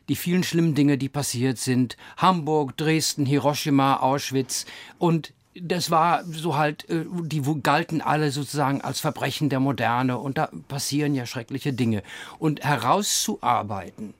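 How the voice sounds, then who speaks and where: A man's voice: mid-range voice, dry recording. An older man, raised in England, talks as a guest in a radio debate. He feels his way through his points and restarts sentences. The studio sound is dry and close. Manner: searching, restarts mid-sentence, measured. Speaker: panel guest. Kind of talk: radio discussion.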